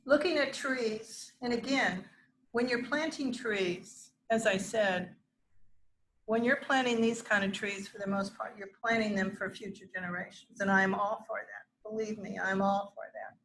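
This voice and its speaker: A woman's voice: mid-range voice, steady tone, normal speed, fairly bright tone, a little hiss or hum, rough recording. A middle-aged woman teaching a gardening class to a room of learners, chatting freely with asides and restarts. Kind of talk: informal classroom lecture. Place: classroom with a live audience.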